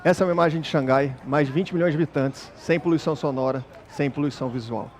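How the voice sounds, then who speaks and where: A man hosts a business masterclass and introduces the topic. His delivery is emphatic, like a presenter's, and his voice sits slightly high for a man. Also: quick pace. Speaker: host. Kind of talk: stage presentation.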